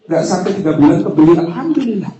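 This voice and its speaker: A man preaching a sermon, telling personal stories with jokes and a lively delivery. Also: sits high, fast talker, dull audio, slight background noise. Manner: lively, joking, personal anecdotes. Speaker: Islamic preacher. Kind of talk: humorous sermon storytelling. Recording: echoey hall.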